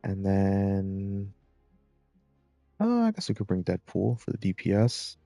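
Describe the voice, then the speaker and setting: A man giving relaxed, rambling commentary while playing a video game, with plenty of filler words. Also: low voice, slow pace, creaky, dry recording, faint music behind. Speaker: gameplay commentator. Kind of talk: casual gameplay commentary.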